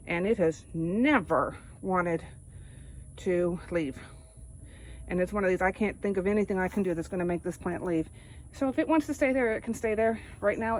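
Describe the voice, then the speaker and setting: A woman's voice: medium pitch, darkish tone, poor audio. Woman from east texas showing off her garden outside, plain chatty talk, camera mic, faint outdoor hum behind. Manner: plain-spoken, explains step by step. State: out of breath. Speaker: home gardener. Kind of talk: casual walk-through narration.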